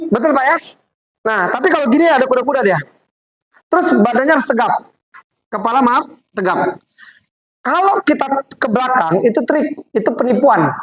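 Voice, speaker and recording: A woman whose voice sits on the high side is caught on a low-quality recording with a crowd audible behind her. As an MLM product presenter, she leads a live demonstration for a group, coaxing and chatting while she directs volunteers.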